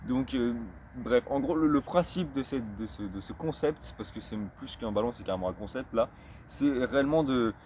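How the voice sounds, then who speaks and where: With lively intonation and a slightly mellow, middle-pitched voice, this man talks through a subject for his street football vlog. He hesitates, repeats words, and searches for phrasing, treating English phrases slowly and self-consciously, while a faint hum sits behind him.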